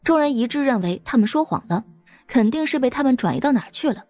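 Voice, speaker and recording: A woman narrating an audio drama in a lively, expressive storytelling manner. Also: high voice, fast, faint music behind.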